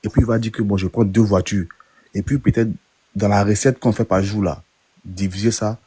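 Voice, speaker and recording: A man on a live-stream panel, explaining quickly and keeping to seek agreement from others. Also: fairly low pitch, steady tone, warm tone, slightly rough.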